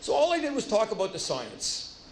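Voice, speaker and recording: A male lecturer with a slightly high voice tells a story with lively, acted-out dialogue. The voice comes through a stage microphone and echoes around a roomy lecture hall. Faint ambience sits underneath. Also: a little fast, a little hiss or hum. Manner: lively, acts out dialogue, self-deprecating asides.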